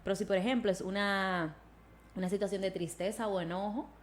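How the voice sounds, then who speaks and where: A woman's voice: medium pitch, steady tone, fairly quick. A woman psychologist, explaining emotions in a casual podcast conversation. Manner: explanatory, slips into acted quotes. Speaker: psychologist guest.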